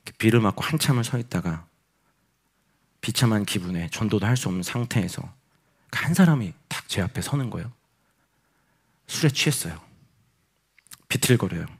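Husky, animated male pastor. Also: medium pitch. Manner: animated storytelling, acts out inner voices and quotes. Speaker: pastor and missionary. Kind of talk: sermon testimony.

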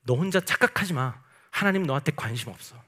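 A man's voice: on the high side, animated, fairly quick, sharp tone. A man voicing the devil as a sly male tempter, coaxing and sneering at the listener. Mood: taunting, shrill.

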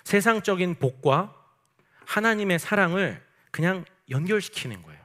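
A man's voice: high-pitched, animated, moderate pace, fairly bright tone. A man preaching a night sermon as pastor, emphatic and asking the congregation rhetorical questions. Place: church service at night.

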